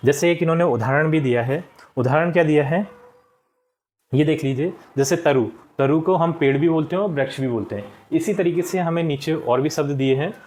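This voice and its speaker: A man teaching a primary school class, patiently going through textbook answers and repeating words slowly for the children. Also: a little high, a little mellow, a little hiss or hum. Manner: addresses children often, checks with "ठीक".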